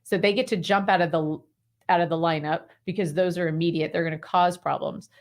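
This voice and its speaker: Brisk and low-voiced, a female clarity coach gives advice as an interview guest. She tells stories in an animated, breezy manner, frequently dropping fillers such as "like" and "right."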